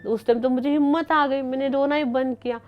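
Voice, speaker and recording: A woman's voice: high-pitched, steady tone, brisk, highs cut off. A young woman, an interview guest, giving an emotional personal account and acting out both sides of the dialogue as she tells it.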